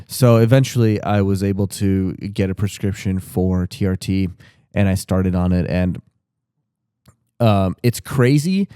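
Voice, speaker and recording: A podcast co-host in his thirties talks casually in a low, unhurried, mellow and smooth voice. He is candid and rambling, restarting sentences and swearing casually, on a studio-quality recording with no echo.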